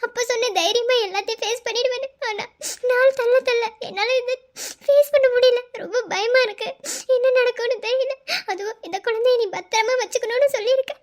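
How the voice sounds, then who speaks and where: A tearful, anxious young wife in a cartoon love story, voiced by a woman. She pleads in a very high, thin voice. She sounds worn down by missing her husband. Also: expressive, moderate pace. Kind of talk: cartoon voice acting.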